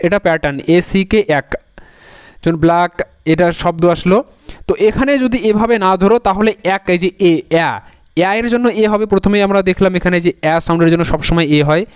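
A male teacher gives a patient spelling lesson, spelling words out letter by letter and saying each one several times over. His voice sits high and sounds smooth and resonant. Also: darkish tone. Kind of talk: Bengali-language spelling lesson.

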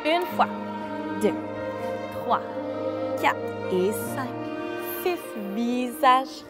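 A woman dance instructor calling out moves and counts for a seated routine, cueing each step slowly and clearly. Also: sits high, lively intonation. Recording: long reverb with music behind. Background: music.

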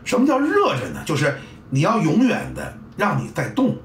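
A man's voice: high voice, huge pitch swings, moderate pace, slight background noise. A middle-aged man, a football coach giving a blunt, salty casual monologue and acting out sounds and scenes. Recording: roomy, distant mic, faint ambience.

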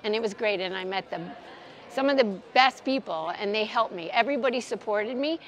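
A woman's voice: on the high side, fairly quick. Earnest woman in her sixties, outdoors. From Massachusetts, United States. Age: 60s. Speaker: pilgrim interviewee. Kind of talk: street interview. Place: large stone city square outdoors.

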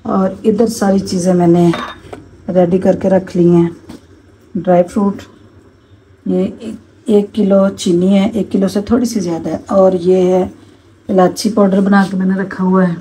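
A woman's voice: medium pitch, little pitch movement, measured pace, long pauses, dark tone, slight background noise, low-quality recording. Chatty middle-aged woman cooking at home. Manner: chatty, homely, addresses viewers as family. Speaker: cooking vlogger. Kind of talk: casual cooking vlog narration. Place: home kitchen.

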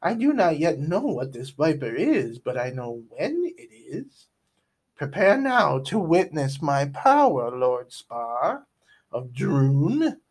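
Storybook villainess, a high imperious princess as a man plays her, slow menacing commands. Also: sing-song, breathy edge, heavily acted. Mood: triumphant. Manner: slow, commanding, drawn-out threats. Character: villainous sorceress princess, domineering and cold.

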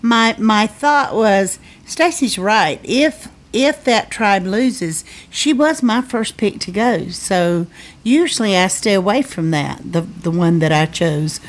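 Female co-host, mid pitch, playful bantering recap chat. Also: animated, takes it slowly. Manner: playful, bantering, rambling explanations. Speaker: podcast co-host.

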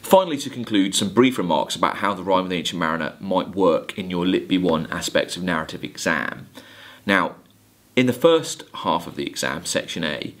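A college English literature lecturer with a low voice and very animated pitch lectures at a moderate pace, quoting lines of verse. It's a recorded video lecture made indoors at a desk.

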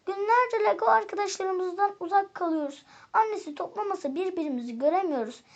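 A woman's voice: extremely high pitch, fairly quick, muffled recording, pitched above the performer's own voice. A woman voicing a toy ball in a storybook, complaining plaintively. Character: lonely bouncing toy ball.

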